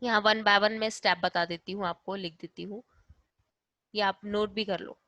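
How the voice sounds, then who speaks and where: A woman's voice: mid-range voice, fairly even intonation, moderate pace, pushed and bright, dry recording, muffled recording. A woman teaching a biology class, asking and answering her own questions, checking in with "okay" after each point, and mixing English terms into her Hindi. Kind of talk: class lecture.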